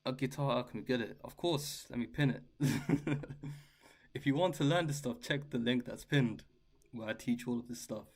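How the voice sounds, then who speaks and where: A man giving a relaxed guitar lesson and answering viewers' questions, with a chatty, loose, slangy way of talking. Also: medium pitch, brisk, gravelly. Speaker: guitar teacher. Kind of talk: casual live-stream Q&A. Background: his own guitar playing.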